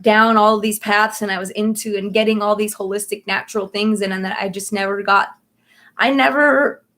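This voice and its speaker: A woman's voice: mid-range voice, steady tone, moderate pace, fairly bright tone. A woman in her thirties hosting a casual livestream chat, chatty and rambling, laughing often between thoughts. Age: 30s. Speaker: livestream host.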